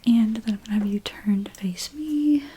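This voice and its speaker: In an ASMR role play, a woman plays a hairstylist, whispering breathily as she gently narrates each step at an unhurried, moderate pace. Her voice is fairly high, with a little hiss or hum.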